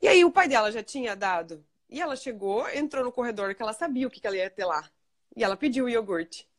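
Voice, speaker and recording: High-pitched woman host chatting fast about parenting, acts out what her kid says. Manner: fast, animated, acts out talks with her daughter. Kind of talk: casual live chat about parenting.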